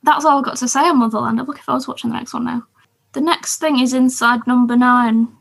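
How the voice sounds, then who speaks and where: A woman's voice: fairly high pitch, steady tone, fast, creaky. A woman co-hosting a podcast, chatting enthusiastically about TV shows with lots of fillers. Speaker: podcast co-host. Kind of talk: casual chat about TV shows.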